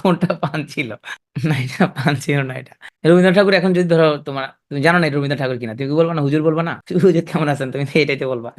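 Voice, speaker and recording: Man giving a chatty lecture. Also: fairly high pitch. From Bangladesh. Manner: conversational, asks students quick check questions. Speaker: teacher. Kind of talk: exam-prep literature lecture.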